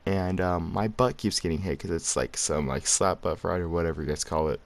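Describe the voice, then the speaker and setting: A young man with a lowish voice rambles through a personal story for his viewers. He talks in loose slang and keeps chuckling at himself. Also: brisk, vocal fry. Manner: slangy, rambling, laughs while telling. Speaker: vlogger. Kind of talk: casual storytelling.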